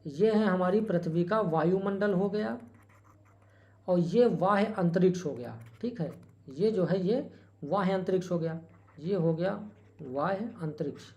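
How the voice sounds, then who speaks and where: Teacher going over terms again and again, asking the class questions and answering them, quick sorry after slips. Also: mid-range voice, a little mellow, dull audio. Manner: repeats key terms and asks rhetorical questions. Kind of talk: exam-prep lecture at a board.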